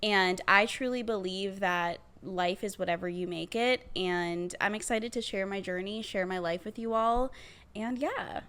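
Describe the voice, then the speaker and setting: A woman's voice: mid-range voice, unhurried, fairly bright tone. A woman in her mid-twenties from Massachusetts, co-hosting a podcast and earnestly sharing her story in casual chat. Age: 20s. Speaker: podcast co-host.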